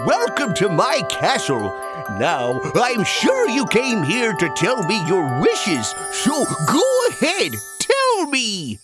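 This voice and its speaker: A woman's voice: fairly high pitch, wildly swooping pitch, slow pace, music in the background, full character voice. A woman voicing a jolly, commanding wizard in a children's storybook cartoon, theatrical and declamatory. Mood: welcoming.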